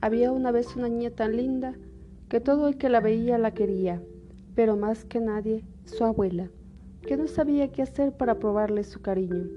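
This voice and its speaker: A woman's voice: a little high, normal speed, highs cut off. Woman storyteller over music. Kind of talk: scripted fairy-tale narration. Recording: music behind the voice.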